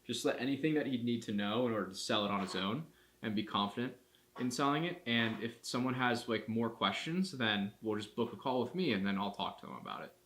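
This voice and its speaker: A man who runs a marketing agency, talking casually to camera in a vlog and thinking out loud with frequent restarts. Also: mid-range voice, animated, fairly quick, slight background noise. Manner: rambling, thinking aloud with restarts. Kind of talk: casual day-in-the-life vlog.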